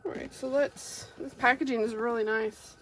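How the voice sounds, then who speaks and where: High-voiced Arkansas woman, casual unboxing chat. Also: fairly even intonation, moderate pace, fairly bright tone, slight background noise, rough recording. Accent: Arkansas Southern. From Arkansas, United States. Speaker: craft creator, unboxing host. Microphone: phone mounted overhead on a clamp.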